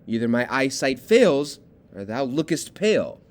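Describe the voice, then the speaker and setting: A lovesick young noble girl speaking old verse, as a man reads her lines aloud. The reading is plain and unhurried, with a lively rise and fall. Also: medium pitch. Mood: tender.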